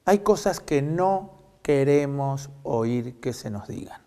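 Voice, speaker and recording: A man with an Argentine accent preaching a sermon, telling a story reflectively with many pauses. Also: medium pitch, expressive, dark tone. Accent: Argentine Spanish. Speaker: pastor.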